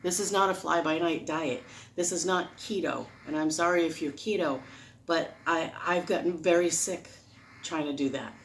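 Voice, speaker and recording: Rambling woman with a lowish voice. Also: moderate pace, slight background noise. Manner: rambling, drifts off on tangents; earnest, emphatic. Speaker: vlogger sharing diet advice. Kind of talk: casual unscripted explanatory monologue.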